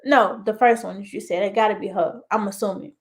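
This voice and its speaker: A woman's voice: medium pitch, brisk. A woman co-hosting a casual chat show, teasing and talking straight to her audience. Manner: animated, teasing, talks to the audience. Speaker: co-host.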